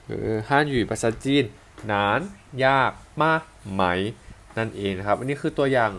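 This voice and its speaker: A man's voice: medium pitch, moderate pace, fairly bright tone. A man with a Thai accent teaching a language lesson, patiently repeating and breaking down example sentences.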